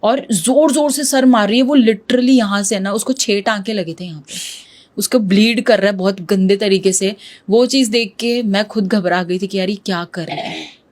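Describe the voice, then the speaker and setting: A woman's voice: medium pitch, normal speed, darkish tone. Woman guest telling a haunted story, vivid, drops english words in her hindi. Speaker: podcast guest. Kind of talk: telling a true ghost story in an interview.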